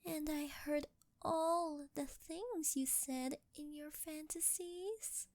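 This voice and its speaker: A young woman teases coyly as a sweet, shy, clingy angel-turned-succubus in an ASMR roleplay, her high, soft, breathy, girlish voice keeping a fairly even intonation. Her intimate, halting delivery often drops to whispers, captured dry on a close ASMR microphone.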